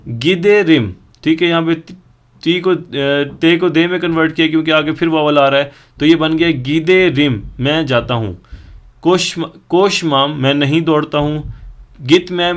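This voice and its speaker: A man teaching a language lesson, patiently explaining grammar and drilling word forms slowly one at a time. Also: on the high side, fairly bright tone. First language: Urdu.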